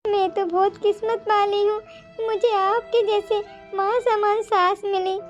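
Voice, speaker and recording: A woman voicing a sharp-tongued young daughter-in-law in a cartoon, scolding and snappy. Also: very high voice, level tone, unhurried. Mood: remorseful. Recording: slightly dull, music behind.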